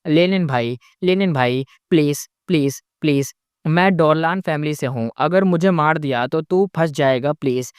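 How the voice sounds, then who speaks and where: A man's voice: fairly high pitch, normal speed, clean tone, dry recording, clean studio sound, natural voice. A man voicing a beaten, frightened male bandit leader who pleads and stammers through tears. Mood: begging.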